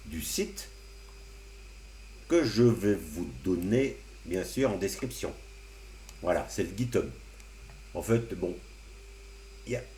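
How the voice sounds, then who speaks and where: A man hosting a casual amateur radio tutorial, explaining computer steps one by one with relaxed, joking asides. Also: medium pitch. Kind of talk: casual screen-recorded tutorial. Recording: roomy echo, faint hum.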